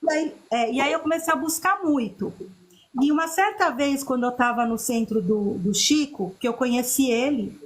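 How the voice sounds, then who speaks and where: High-voiced woman in her fifties. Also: normal speed. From Chile. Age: 50s. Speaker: guest. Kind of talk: personal storytelling in conversation.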